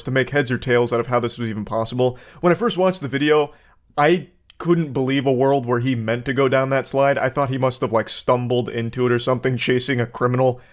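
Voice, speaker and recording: Male commentary host: casual, comedic, mid-range voice, over-analyzes with deadpan-scientific wording and frequent swearing, close-miked. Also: medium pitch. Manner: sweary, mock-analytical, rambling hyperbole. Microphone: close desk microphone.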